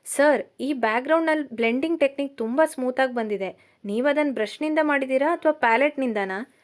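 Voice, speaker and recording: A woman's voice: high voice, brisk, close to an everyday voice. Chitra, a polite art-loving young woman, read by a woman.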